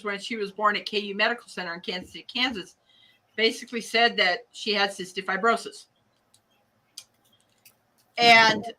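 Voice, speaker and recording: An older woman with a Midwestern American accent and a bright, forward voice at an average pitch. She talks casually and ramblingly, in a folksy way, like someone teaching a craft live. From United States. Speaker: hat loom craft class teacher. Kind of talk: casual live tutorial chat.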